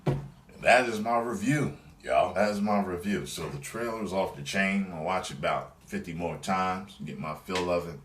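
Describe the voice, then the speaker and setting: A man's voice: sits low, normal speed, reverberant, slight background noise. A man giving a casual, profane, rambling review of a movie trailer, acting out scenes as he goes. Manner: animated, rambling, acts out scenes in voices.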